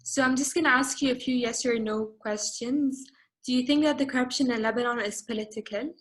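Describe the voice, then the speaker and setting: A woman interviewer who introduces the video and asks brisk, direct questions. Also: fairly high pitch, fairly bright tone.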